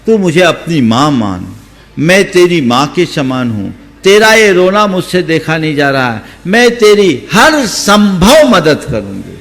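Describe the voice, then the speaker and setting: A man's voice: a little high, big pitch swings, measured pace, fairly bright tone, big-room sound, heavily acted. A man voicing a kindly old woman who coaxes and pleads with a crying stranger. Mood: coaxing. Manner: coaxing, pleading.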